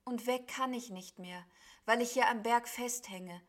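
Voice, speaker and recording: A gloomy cloud creature from a storybook, put on by a woman, speaks in a soft, whining, mournful tone. It sounds sulky and weary, quieter than the narration around it. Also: on the high side, unhurried, close to an everyday voice. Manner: whiny, mournful.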